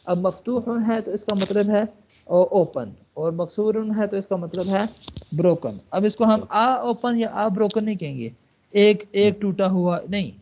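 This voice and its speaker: High-voiced man teaching over a call. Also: a little mellow, highs cut off. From Pakistan. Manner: explains step by step, reads English lines aloud slowly, keeps checking with "okay?". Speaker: Arabic and Quran teacher. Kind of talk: online language lesson. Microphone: online call.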